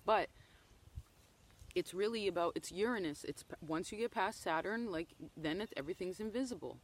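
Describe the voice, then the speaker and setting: A woman's voice: lowish voice, moderate pace, a little hiss or hum. A woman giving a casual tarot reading outdoors in the woods, talking loosely and often checking in with "okay?". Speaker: tarot reader.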